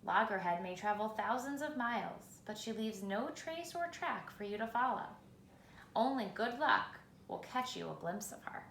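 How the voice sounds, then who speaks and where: The reader here is a woman whose medium-pitched voice carries a noticeable creak. She reads a children's story aloud, measured and expressive with dramatic pauses, in a clearly echoing room with faint noise in the background.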